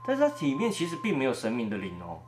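A man voicing a brisk middle-aged auntie who senses spirits and talks in a scolding, matter-of-fact way. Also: mid-range voice, wildly swooping pitch, roomy sound, a little hiss or hum. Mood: calm explaining.

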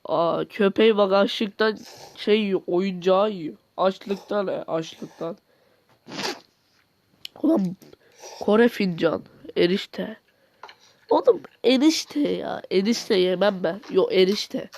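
A man's voice: high voice, takes it slowly, vocal fry, pauses often, darkish tone. A man giving a comic voice-over commentary, joking and mock-exasperated as he talks to himself. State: nauseous near the end. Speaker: video commentator.

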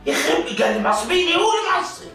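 An actor with a Jordanian Arabic accent playing a short-tempered fasting man who shouts that he is not angry. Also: very high-pitched, sing-song, echoey room, far from the mic, soft background music, exaggerated voice. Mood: exasperated. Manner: shouty, exasperated, denies being angry. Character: hot-tempered fasting man insisting he's calm. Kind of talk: sketch comedy acting.

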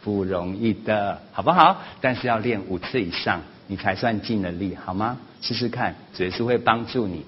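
Lively male church teacher. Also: fairly low pitch, normal speed, hardly any pauses, slightly rough. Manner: animated, acts out family quarrels in raised voices. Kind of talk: sermon-style parenting lesson. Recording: slightly dull lo-fi recording with faint noise.

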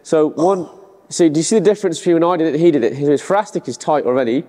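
Mellow young male coach in an echoey space. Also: on the high side, racing. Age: young adult. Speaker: rehab therapist, coach. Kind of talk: hands-on instruction with casual chat. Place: large hard-floored gym, indoors. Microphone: clip-on lapel mic. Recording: reverberant hall-like room.

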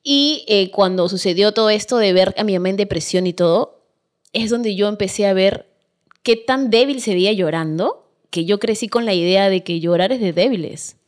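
A woman's voice: mid-range voice, normal speed. A Peruvian woman, a guest on a podcast, telling her own story in a casual interview, candid and emphatic.

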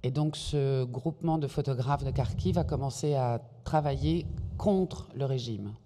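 A man's voice: mid-range voice, unhurried, background noise. A man interpreting a talk, fluent but often correcting himself with fillers. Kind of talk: consecutive interpreting into French. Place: large hall. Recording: long hall reverb.

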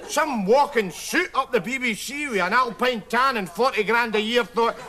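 A man's voice: extremely high pitch, moderate pace, bright, forceful tone. An actor playing a bitter, scornful Scottish man ranting at the telly, with a Scottish accent. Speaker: sketch character. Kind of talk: TV sketch rant to camera.

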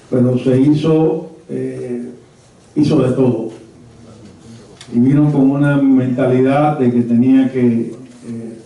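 An elderly man in his seventies or older, from Havana and speaking with a Cuban accent, shares personal memories with a small audience in an indoor conference room, his telling deliberate and hesitant. His mid-range voice has a warm tone. He uses a handheld mic, but a distant camera records him, so the room sounds very echoey and muffled.

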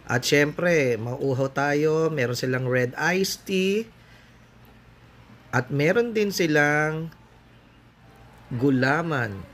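A Filipino man in his thirties, with a fairly high, gravelly, slightly bright voice, narrates a casual food vlog on a phone held at arm's length. Touring a large indoor buffet restaurant, he lists the dishes in an upbeat, tour-guide style, with a little hiss or hum audible.

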